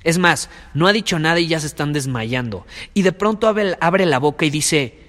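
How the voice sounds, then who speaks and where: A man's voice: fairly high pitch, lively intonation, normal speed, fairly bright tone, long reverb tail. A man with a Mexican Spanish accent hosts a podcast as a sales coach, speaking with emphasis, preaching and repeating his key phrases. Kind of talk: motivational monologue.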